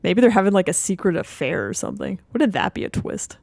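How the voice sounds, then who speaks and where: A woman's voice: medium pitch, sing-song, fairly quick, vocal fry, darkish tone, dry recording. A woman giving casual, enthusiastic fan commentary as a video host reacting to game audio.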